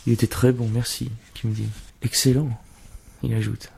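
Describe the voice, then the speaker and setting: A man plays a huge, courteous diner in a storybook reading. He speaks softly and a little short of breath. The tone is gravelly and raspy. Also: medium pitch, level tone, normal speed. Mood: polite. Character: very fat polite male diner, gentle and breathy.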